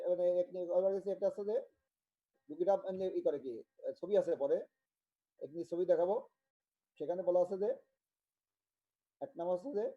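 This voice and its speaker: A man from Bangladesh giving an online medical tutorial, talking haltingly and repeating himself as he checks in with students. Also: sits high, mellow, dull audio. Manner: halting, repetitive, with many restarts and check-ins. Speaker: medical lecturer.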